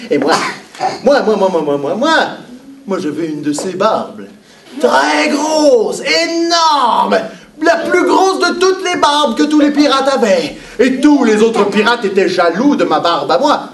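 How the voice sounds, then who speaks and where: An actor with a Québécois accent playing a playful, boastful pirate who talks with the children in a live stage show. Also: male voice, extremely high pitch, big pitch swings, a little slow, crowd noise, full character voice. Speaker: children's entertainer. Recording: echoey hall, mic far off, background noise.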